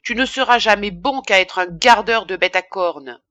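A woman's voice: medium pitch, normal speed, pushed and bright, dry recording, lightly acted. A woman voicing a pompous, irascible middle-aged male apothecary in an indignant tirade, read for an audiobook. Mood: ranting.

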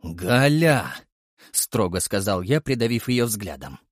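A man reads a first-person audiobook with lively, swinging intonation. His delivery is expressive and vivid. The recording is dry and close, with no room sound. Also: mid-range voice, moderate pace, dry recording. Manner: expressive storytelling. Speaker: audiobook narrator.

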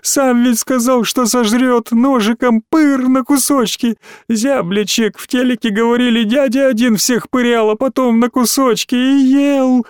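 A man's voice: normal speed, hardly any pauses, darkish tone, dry recording, clean studio sound, lightly acted. Man voicing a panicky whimpering boy. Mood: tearful pleading. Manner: high, pleading, near-sobbing. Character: frightened young boy, whiny and tearful. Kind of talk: audiobook character voice.

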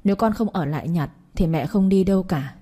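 A woman's voice: lowish voice, fairly quick, warm tone, natural voice. A woman reading the lines of an injured, stubborn mother in an audiobook, weak but insistent.

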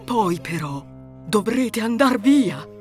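A woman voicing the ogre's timid, kindly wife in a storybook reading, soft and coaxing. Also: mid-range voice, expressive, takes it slowly, soft background music. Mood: warning.

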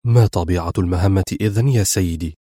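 A cool, wry young secret agent , read by a man in a spy audiobook. The voice is low and confident, recorded close and dry. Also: fairly quick, dry recording. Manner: calm, wry.

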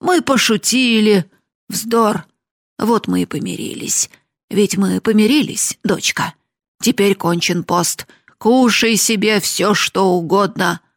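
A woman's voice: medium pitch, slow pace, dry recording, clean studio sound. A woman voicing an old, miserly father who coaxes his daughter with sugary pet names, in an audiobook reading. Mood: frightened coaxing. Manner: coaxing, syrupy endearments.

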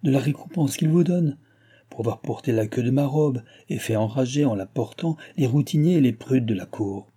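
A man's voice: medium pitch, expressive, normal speed, mellow, breathy edge. A man voicing a witty, flirtatious royal mistress in an audiobook, raised and coaxing. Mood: teasing. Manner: playful, coaxing.

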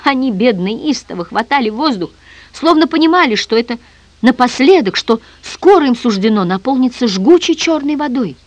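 An audiobook reader giving a dramatic, expressive narration. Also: medium pitch, normal speed, dry recording. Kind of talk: scripted narration.

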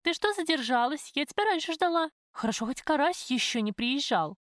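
A woman voicing a blunt, streetwise young waitress who chides her friend, in a lively, raised voice. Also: high-pitched, brisk, dry recording, studio quality, voice pushed up. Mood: brash. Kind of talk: audiobook character voice.

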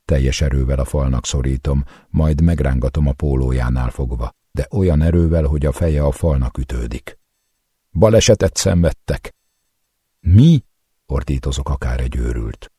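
Very deep, husky male audiobook narrator. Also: fairly even intonation, hardly any pauses, dark tone, no echo, clean studio sound. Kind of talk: first-person audiobook narration.

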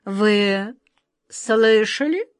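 A woman's voice: mid-range voice, lively intonation, measured pace, no echo, clean studio sound. A woman voicing a haughty, imperious female mouse queen in a storybook reading. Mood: commanding. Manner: commanding, condescending.

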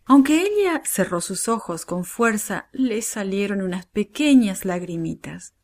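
Expressive woman telling a children's story. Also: mid-range voice, a little slow. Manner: warm, expressive. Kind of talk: scripted narration for children.

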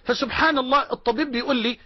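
High-pitched Egyptian preacher, emotional. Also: male voice, fairly even intonation, no room sound. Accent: Egyptian Arabic. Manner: emotional, drawn-out emphatic preaching with repeated exclamations. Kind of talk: sermon. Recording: muffled dry lo-fi recording.

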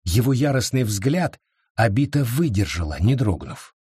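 Husky, animated male audiobook narrator. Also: mid-range voice, normal speed, dry recording, studio quality. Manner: dramatic, animated reading.

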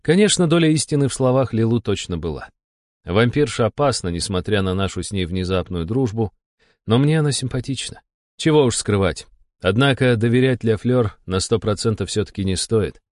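A man reading a first-person audiobook in a measured, wry way. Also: on the low side, lively intonation, a little mellow, no room sound, studio quality. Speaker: audiobook narrator. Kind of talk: first-person scripted narration.

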